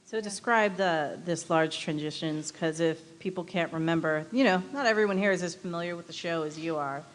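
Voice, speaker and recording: A woman's voice: fairly low pitch, a little fast, long reverb tail. A woman moderating a live panel, asking inquisitive questions to prompt the guests. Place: live event hall.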